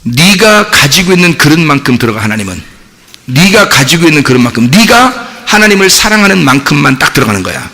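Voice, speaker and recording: A male pastor preaching a sermon, lively and talkative, acting out little everyday scenes as he goes. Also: on the high side, a little fast, long reverb tail. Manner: animated, acts out little scenes and voices. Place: church sanctuary.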